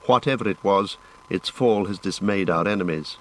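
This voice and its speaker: A man voicing a young male hobbit who speaks in a quiet, thoughtful way. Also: deep voice, moderate pace, natural voice, poor audio.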